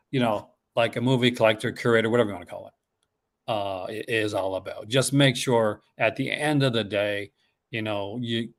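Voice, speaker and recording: A man with a Newfoundland Canadian accent hosting a casual horror collecting chat in an excitable, rambling, chuckle-prone way. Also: mid-range voice. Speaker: horror movie collecting channel host.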